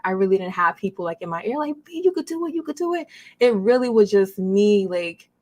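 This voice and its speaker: A woman's voice: mid-range voice, big pitch swings, fairly quick, a little mellow. A woman with a Brooklyn accent chatting casually and expressively as an upbeat interview guest. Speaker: podcast guest, anime content creator.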